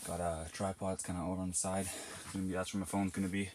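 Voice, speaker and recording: A fishing vlogger with a deep, fairly flat voice talks very fast, giving casual, slangy commentary in a laid-back way. He films on location, both inside an ice fishing tent and outdoors on a lake, and the outdoor ice fishing recording is noisy.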